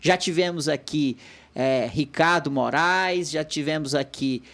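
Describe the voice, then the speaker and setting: A man with a Brazilian Portuguese accent hosting a podcast, introducing his guest in a chatty, halting way. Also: a little high, a bit bright. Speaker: podcast host. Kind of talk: casual interview hosting.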